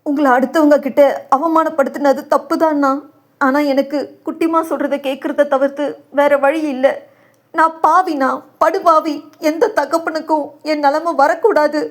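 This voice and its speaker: A woman's voice: steady tone, moderate pace, pauses often. A woman voicing a desperate older father who begs and pleads in tears in an audio novel. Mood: sobbing plea. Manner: pleading, sobbing, high and strained.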